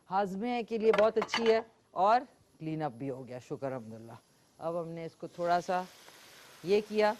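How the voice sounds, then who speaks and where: Pakistani woman cooking-show host, chatty demo style, faint background hiss. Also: medium pitch. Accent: Pakistani Urdu. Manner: chatty, talks while cooking, frequent fillers. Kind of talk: live cooking demonstration with callers.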